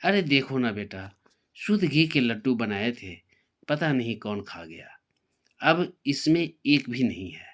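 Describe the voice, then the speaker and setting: A man's voice: mid-range voice, sing-song, a little slow, a bit bright. A man voicing a bossy older mother-in-law in a spoken story, scolding and sarcastic.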